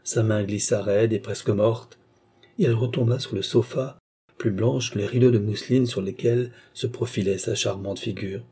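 Man, audiobook narration, measured, mellow, slightly husky. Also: fairly low pitch, fairly even intonation. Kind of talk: scripted narration of a classic novel.

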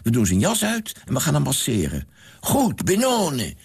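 A man voicing a tiny, hobbling old servant with a hoarse, raised voice and a fussy manner. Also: mid-range voice, huge pitch swings, normal speed, pitched above the performer's own voice, heavily acted. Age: older.

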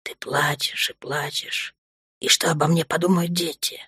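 A woman voicing a dark alien lord, a grown man who is tender and teasing, speaking low and soft. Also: moderate pace, slightly rough, no room sound, studio quality.

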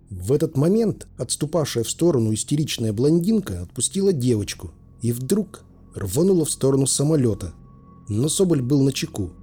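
A man reads an adventure audiobook in a dark, husky voice with a lively, rising and falling pitch. His telling is weary and dryly ironic, and faint music plays beneath him. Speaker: audiobook narrator. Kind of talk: audiobook narration with character voices.

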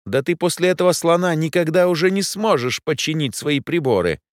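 A man's voice: on the high side, animated, a little fast, no room sound, clean studio sound, pitched above the performer's own voice, natural voice. A man voicing a blunt, irritable woman who sounds exasperated. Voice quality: cranky, exasperated.

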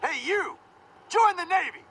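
A man voicing a pushy, salesman-like male cartoon navy recruiter with a husky voice. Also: extremely high pitch, expressive, a little slow, sharp tone, full character voice. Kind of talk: cartoon dialogue clip.

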